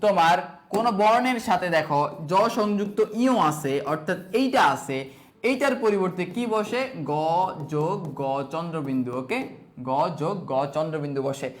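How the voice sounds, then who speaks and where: A young man runs an exam-prep class in a high voice. He poses a question, answers it himself and then repeats the rule. Casual English fillers like "okay" and "so" break up the drill. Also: lively intonation, normal speed. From Bangladesh. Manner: asks and answers his own questions, repeating rules.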